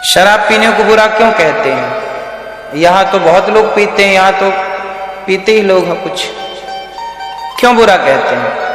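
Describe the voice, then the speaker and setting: A man giving a slow religious discourse, questioning his listeners directly. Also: high-pitched, a bit bright. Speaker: preacher. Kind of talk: Hindi scripture discourse. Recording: echoey hall with faint music.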